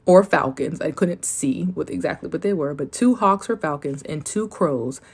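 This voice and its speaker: Low-pitched American woman in casual, candid chat. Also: lively intonation, normal speed, vocal fry, breathy edge. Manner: candid, informal, sweary, rambling asides. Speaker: host telling of a spiritual awakening. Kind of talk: casual solo chat, reading journal entries aloud.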